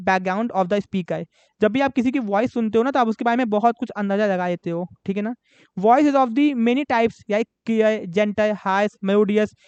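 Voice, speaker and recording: High-voiced man teaching loudly. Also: smooth, dry recording, muffled recording. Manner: reads English slowly, explains quickly in Hindi; raised, projecting voice. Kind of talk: classroom lecture.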